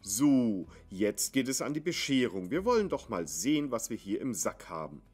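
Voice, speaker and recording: A man voicing a young male student dressed as Santa, who scolds the family in a deep, stern, schoolmasterly tone. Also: big pitch swings, normal speed, darkish tone, slightly rough.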